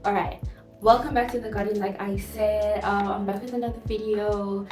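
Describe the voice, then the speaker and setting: A woman's voice: medium pitch, flat delivery, normal speed, darkish tone. Roomy, distant-sounding woman chatting casually. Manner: informal, rambling, slangy. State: tipsy, smoking and drinking. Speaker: music vlogger hosting her own channel. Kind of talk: casual vlog chat to camera. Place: garden with a fan running. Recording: roomy, distant mic, music behind.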